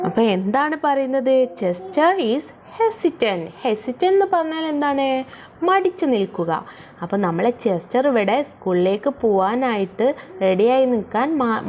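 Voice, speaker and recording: A woman teacher explaining an English textbook lesson, coaxing and slow, asking questions and answering them herself. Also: fairly high pitch, darkish tone, a little hiss or hum.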